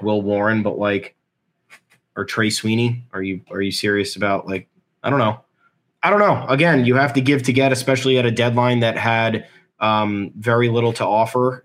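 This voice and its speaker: A man with a fairly low voice co-hosts a casual sports show. He talks conversationally, haltingly working through his opinions as he goes. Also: a bit bright. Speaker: sports podcast co-host.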